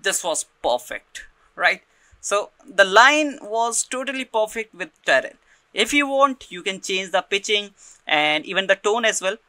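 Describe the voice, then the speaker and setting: A man talks through a software tutorial one step at a time, stopping often to check in and repeating words as he goes. His voice sits a little high and cuts through sharply. The recording is dry and close, with no room sound. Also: big pitch swings, unhurried, no room sound. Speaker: tutorial presenter.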